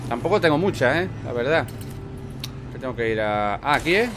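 A gameplay commentator with an accent from Spain gives casual let's play commentary, swearing freely and talking back at game characters. His mid-range voice is animated and a little fast, with background noise present.

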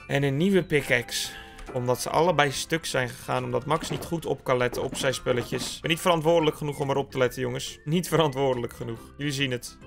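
A man's voice: a little high, pushed and bright. A young man casually commenting on his own gameplay, chatting to his viewers as he builds. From Netherlands. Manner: chatty, talks to viewers as "jongens". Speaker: gaming YouTuber.

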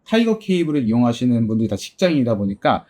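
A middle-aged man who owns a game shop, answering interview questions in a chatty way, full of fillers. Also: very fast. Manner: chatty, many fillers, lively pitch. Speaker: game store owner.

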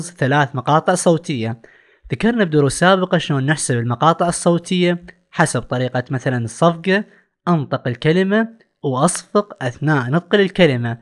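A male English teacher with an Iraqi Arabic accent explaining a lesson. He reads English phrases slowly and with emphasis, then explains them in Arabic. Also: fairly high pitch. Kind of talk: recorded classroom lesson.

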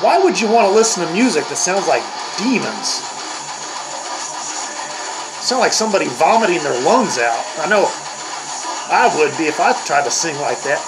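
A man's voice: on the high side, big pitch swings, normal speed, pauses often, rough recording. An older man hosting a comedic reaction video, grumbling and mocking in a crude, profane way. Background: heavy metal music playing.

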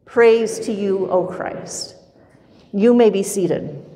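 A middle-aged woman pastor preaching a sermon from a pulpit in a church, in a measured, rhythmic style with much repetition. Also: medium pitch, mellow. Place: church sanctuary with pipe organ, far camera. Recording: long church reverb.

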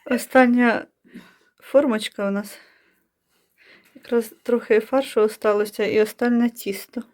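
A woman's voice: on the high side, fairly even intonation, measured pace, a little mellow. A woman from Ukraine chatting to the camera in her home kitchen, teasing her family and narrating the cooking. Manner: chatty, teasing, narrates what she sees. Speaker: vlogger filming family cooking. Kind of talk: casual chat to the camera.

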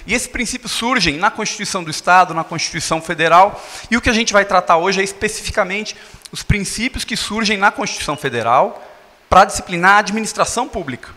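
Man, lecturer, high bright voice, handheld mic, reverberant council hall. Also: fast talker. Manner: explanatory, gesturing while speaking. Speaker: lecturer, municipal attorney. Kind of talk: public lecture. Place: council chamber.

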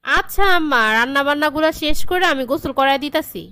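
In a comedy cartoon, a woman voices a dutiful young daughter-in-law, deferentially explaining things in colloquial dialect with a Bangladeshi accent. Her voice is high-pitched, fast, bright and forceful, captured at studio quality without echo.

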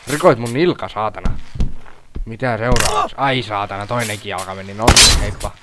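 A young man giving loud, profane let's-play commentary, shouting at the game and laughing at his failures. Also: lowish voice, heavy background noise. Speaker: gaming YouTuber.

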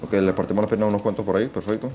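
A young man giving casual gameplay commentary, excitable, swearing often and talking to himself. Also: lowish voice, very fast, a little hiss or hum. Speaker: gaming channel host.

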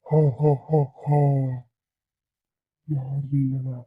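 A man voicing a hungry ghost who gloats about eating the children he has caught, talking in a booming, relishing way. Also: fairly even intonation, moderate pace, husky, phone-quality sound. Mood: gloating.

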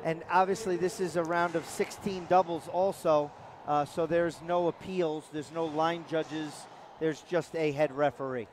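A man with a New York accent calls the action as a sports commentator. His voice sits fairly high, and he talks in an easygoing, chatty way while breaking down each play. A clear layer of noise runs under the recording. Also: steady tone, unhurried, hardly any pauses. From New York area. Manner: chatty, laughing easily, explaining plays.

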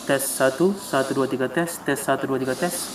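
At a moderate pace and in a mid-range voice, a man with a Malaysian accent casually demonstrates motorcycle gear by hand, weaving in English tech vocabulary. The recording picks up plenty of room noise.

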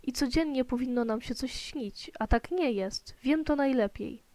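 A woman's voice: sits high, normal speed, mellow, dry recording, close to an everyday voice. A woman voicing a curious, stubborn little boy in a children's storybook, asking questions in an indignant, protesting way.

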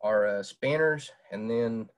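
The voice is low-ish and slow: a young man from Southwest Virginia presenting a casual fishing talk via webcam on a video call. He keeps it plain and says "uh" a lot.

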